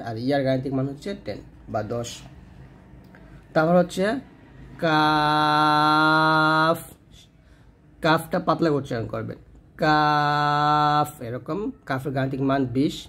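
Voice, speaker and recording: A man teaching Quran reading, explaining step by step how to pronounce letters and stretching each sound out slowly to demonstrate. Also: mid-range voice, darkish tone. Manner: patient, explanatory. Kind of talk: step-by-step pronunciation lesson.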